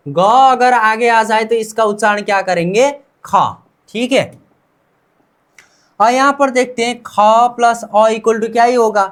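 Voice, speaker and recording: A man's voice: extremely high pitch, a bit bright. A man teaching Korean pronunciation in a classroom-style lesson, asking "what?" and answering himself and repeating each sound several times.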